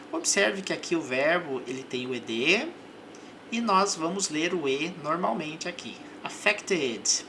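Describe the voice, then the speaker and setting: A woman's voice: sits low, background noise. A woman gives a patient vocabulary lesson, repeating each word and example. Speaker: English teacher. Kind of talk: slow, methodical vocabulary lesson.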